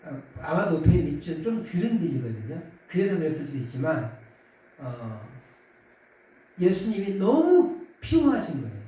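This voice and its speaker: A pastor, a man, preaches in a casual, chatty way, and his voice sounds mellow and warm. His pitch swings widely, and he raises it when he acts out the quoted voices. He sounds far from the mic in a very echoey church hall. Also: big pitch swings, normal speed. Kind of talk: sermon. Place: church sanctuary.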